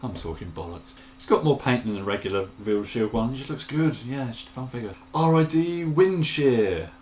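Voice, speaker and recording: A man chatting enthusiastically in a casual show-and-tell vlog, with bursts of excitement. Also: lowish voice, fast talker, roomy sound, slight background noise. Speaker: toy collector vlogger.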